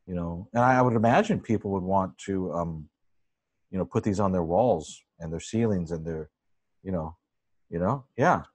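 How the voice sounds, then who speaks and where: Man, low voice, enthusiastic, effusive, casual video call host, webcam mic. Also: normal speed, a little mellow, husky. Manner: enthusiastic, effusive, searching for words. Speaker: host interviewing a photographer.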